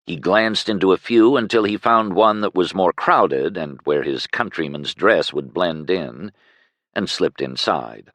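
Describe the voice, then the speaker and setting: A man narrating a fantasy audiobook in an expressive storytelling manner. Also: measured pace, no room sound. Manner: expressive storytelling with lively pitch swings.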